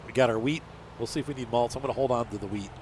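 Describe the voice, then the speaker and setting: A man's voice: mid-range voice, very fast, a little mellow. A man with a badly plugged nose, sick with allergies, giving casual, folksy, rambling commentary as a gaming channel host. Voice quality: congested, stuffed-up nose. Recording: noticeable noise behind the voice.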